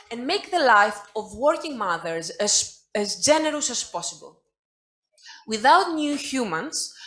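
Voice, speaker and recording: A young woman delivers a prepared conference talk, moving briskly through her points at an ordinary middle pitch. She drops in wry asides along the way. It sounds like she is speaking over a video call. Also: a bit bright, poor audio. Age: young adult. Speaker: panelist.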